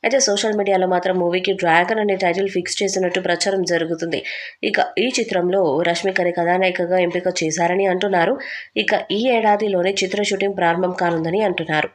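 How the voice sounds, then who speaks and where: A woman reads film news at a quick clip, her pitch sitting in a middle range. Her delivery is scripted and brisk, steady from line to line like a newsreader. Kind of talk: scripted entertainment news narration.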